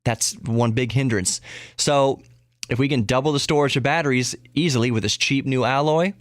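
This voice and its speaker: Recorded dry and at studio quality, a man with a mid-range voice speaks at a moderate pace on his solo podcast. The talk is casual tech and geek news, delivered in a rambling way full of self-interruptions and words repeated for emphasis.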